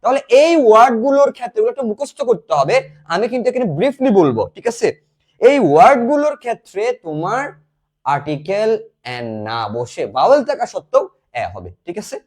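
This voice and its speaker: A man's voice: sits high, sing-song, fairly quick, darkish tone. A young man teaching an English grammar class live online. He keeps asking the students questions, answers them himself, and calls them "bhaiya".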